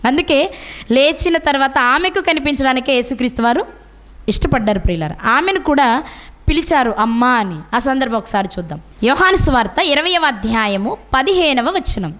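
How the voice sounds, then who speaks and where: Middle-aged woman preacher, high voice, keeps firing questions at the congregation. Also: expressive, normal speed, fairly bright tone. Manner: asks the listeners many rhetorical questions. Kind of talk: sermon.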